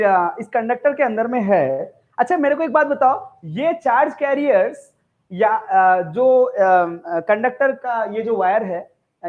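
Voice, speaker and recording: A man with a very high voice teaches a live physics class. He is chatty and jokey, keeps throwing questions at the students, and the sound is thin and tinny, as if over a phone line. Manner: chatty, joking, quizzes the class.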